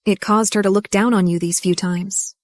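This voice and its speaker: A woman's voice: medium pitch, fairly even intonation, normal speed, darkish tone, dry recording, close to an everyday voice. Woman voicing a cool, defiant young heroine. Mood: apologetic. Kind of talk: English drama dub. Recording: dry studio dub.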